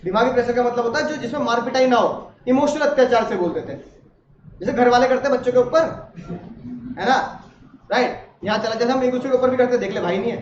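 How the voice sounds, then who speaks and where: Playful lecturer, high-pitched, recorded far off in an echoey classroom with dull, lo-fi sound. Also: male voice, fast talker. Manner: playful, acts out family scenes, quizzes the class. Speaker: teacher. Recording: roomy, distant, dull sound with faint noise.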